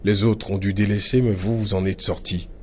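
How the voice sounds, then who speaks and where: A man hosting a radio interview, energetic but halting with fillers. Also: fairly low pitch, a little hiss or hum. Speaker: radio host.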